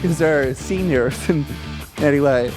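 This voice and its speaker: A man co-hosting a comedy podcast in casual chat. He rambles excitedly and often restarts his sentences. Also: on the high side, measured pace, music in the background.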